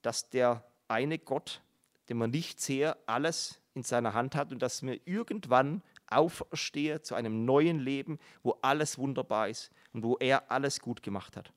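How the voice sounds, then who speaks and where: A man's voice: medium pitch, moderate pace. Middle-aged male preacher; earnest, explanatory Bible teaching with emphatic repetitions.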